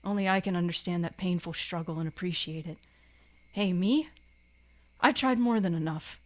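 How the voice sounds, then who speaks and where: A woman's voice: lowish voice, normal speed, lightly acted, rough recording. A woman voicing an anguished teenage anime boy, reading visual novel narration dramatically in an anime boy voice. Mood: anguished, brooding.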